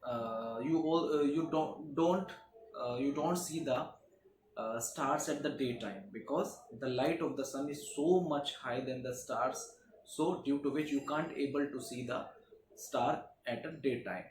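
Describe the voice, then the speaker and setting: A man teaching a geography lesson to schoolchildren, often filling pauses with "okay" and "uh". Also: medium pitch, darkish tone. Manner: frequent "okay" and "uh" fillers, repetitive explaining. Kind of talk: classroom lecture. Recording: echoey room, faint background noise.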